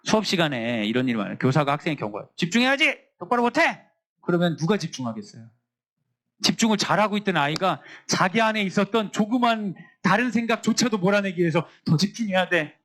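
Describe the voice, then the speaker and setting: A man's voice: high-pitched, quick pace. A man, a school chaplain, teaching a Bible class to students, acting out little scenes from the classroom as he speaks. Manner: lively, acts out teacher and student voices in quotes.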